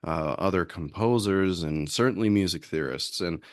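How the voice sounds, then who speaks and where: A male podcast host opening a roundtable in a somewhat low voice. He speaks wryly and corrects himself mid-sentence. The sound is dry and close, with no room echo. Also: moderate pace. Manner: wry, self-correcting.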